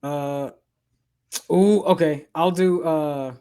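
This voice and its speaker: A man's voice: on the high side, fairly even intonation, drawn-out words, warm tone, smooth. A man, a comedy guest, speaking hesitantly in casual chat, stopping and starting.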